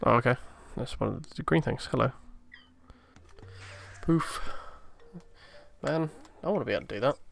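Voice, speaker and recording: A man's voice: mid-range voice, lively intonation, normal speed, creaky, pauses often, a bit bright, slight background noise. A man casually commenting on his own gameplay, chatty and swearing freely as he mutters along. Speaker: let's play host.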